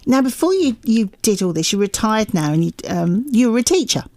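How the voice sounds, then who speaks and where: A woman's voice: fairly high pitch, sing-song, fairly quick, dry recording. A woman presenting a radio interview, who encourages her guest with frequent affirming remarks. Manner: warm encouraging interviewer, many affirming noises.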